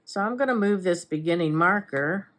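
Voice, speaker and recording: A woman's voice: on the low side, animated, normal speed, fairly bright tone. A woman giving a casual step-by-step crochet tutorial, talking unhurriedly while she works with her hands and adding chatty asides. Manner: chatty asides and self-corrections. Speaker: crochet instructor.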